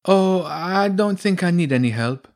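A man's voice: high-pitched, lively intonation, unhurried, darkish tone, pitched above the performer's own voice. A man reading a storybook, voicing a small French girl who speaks firmly, in a raised voice. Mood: uneasy. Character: small French girl, uneasy but commanding.

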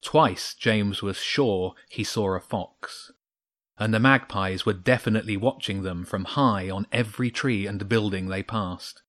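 Low-voiced man reading a story. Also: unhurried, fairly bright tone. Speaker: narrator. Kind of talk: storybook narration.

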